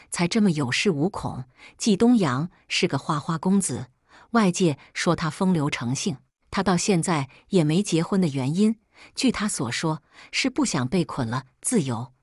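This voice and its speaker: A woman giving scripted first-person narration of a drama story in a measured, even storytelling delivery. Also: deep voice, breathy edge, no echo, clean studio sound.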